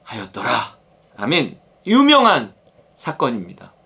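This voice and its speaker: A male pastor giving a daily devotional sermon in a conversational, animated way. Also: medium pitch, unhurried, gravelly, husky. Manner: animated, conversational, acts out quotes.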